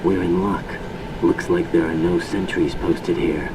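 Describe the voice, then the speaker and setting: A man's voice: deep voice, steady tone, a little slow. An actor playing a cool special forces infiltrator in a video game, terse and matter-of-fact, his voice distant in a noisy recording. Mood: businesslike. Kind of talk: video game voice acting, radio reports.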